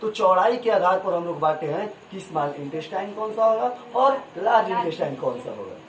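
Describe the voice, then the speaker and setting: A man's voice: sits high, sing-song, brisk. Man, science teacher, classroom call-and-response, distant mic, roomy noisy recording. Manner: asks the class to repeat answers, homely examples. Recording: echoey room, far from mic, noisy.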